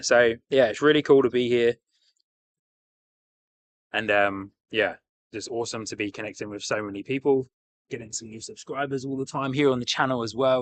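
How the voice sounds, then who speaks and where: A man's voice: medium pitch, no room sound. A man with a broad New Zealand accent chatting casually as a livestream host, upbeat, matey and enthusiastic. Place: outdoors beside an airport.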